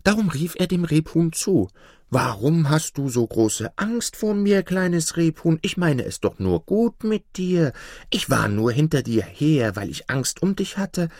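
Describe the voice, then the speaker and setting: A man narrating a fable and voicing a sly fox with lively, expressive delivery. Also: a little high, unhurried, no room sound, studio quality. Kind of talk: storytelling narration.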